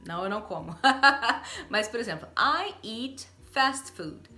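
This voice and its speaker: A Brazilian woman teaching English in a casual online lesson, cheerful, laughing often and slowly drilling example phrases. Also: on the high side, sing-song, bright, forceful tone, soft background music. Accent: Brazilian Portuguese. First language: Portuguese.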